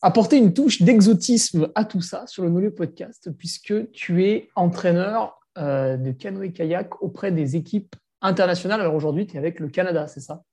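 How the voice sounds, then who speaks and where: A man's voice: high-pitched, moderate pace, few pauses, dark tone, slightly rough. A man hosting a podcast, asking chatty questions in a remote interview. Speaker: podcast host.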